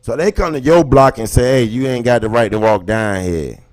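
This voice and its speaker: An American man with a mid-range voice speaks at a moderate pace while hosting a livestream. Talking to his live viewers, he delivers impassioned, colloquial commentary and drives his points home with rhetorical questions.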